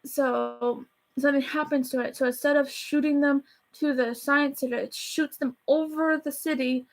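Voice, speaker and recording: High-voiced chatty woman rambling fast. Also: fairly even intonation, vocal fry, poor audio. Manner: chatty, rushed, self-deprecating, rambling. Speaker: YouTuber reviewing a movie. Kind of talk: casual rambling review. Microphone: camera facing her.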